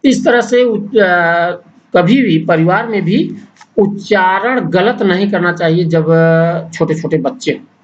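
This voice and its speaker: A male teacher talks through an exam-prep lecture at an unhurried, deliberate pace. He lists each point separately with pauses between the items. The recording is dull and muffled. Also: high voice. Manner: slow, deliberate, pausing between list items.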